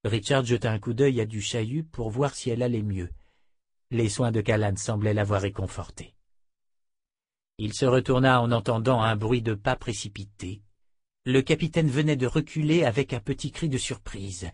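A man narrating a fantasy audiobook in a measured, steady storytelling voice. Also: mid-range voice, husky, dry recording, clean studio sound.

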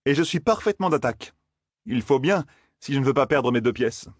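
A man's voice: medium pitch, animated, a little fast, husky, no room sound, studio quality, pitched above the performer's own voice. A man reading aloud and voicing a stubborn, reckless young gambler in a raised voice. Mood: determined.

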